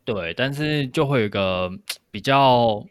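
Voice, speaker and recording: A man's voice: medium pitch, expressive, unhurried, clean tone, dry recording, studio quality. A man co-hosting a podcast, explaining things step by step in casual discussion. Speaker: podcast co-host.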